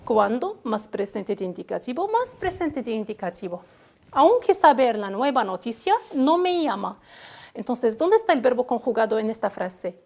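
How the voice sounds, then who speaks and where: A woman from Morocco with a high-pitched voice teaches Spanish grammar in a broadcast class. She drills verb endings person by person, slow and deliberate, filling gaps with brief hesitations. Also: big pitch swings, a little mellow. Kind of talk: televised grammar lesson.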